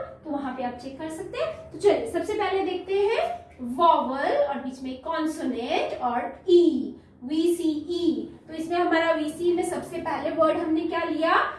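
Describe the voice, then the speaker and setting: A woman's voice: extremely high pitch, far from the mic. A woman teaching a phonics lesson to young children, patiently sounding out letters and words. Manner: patient, sounds out letters slowly, calls listeners "beta". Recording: echoey room, voice from off-mic.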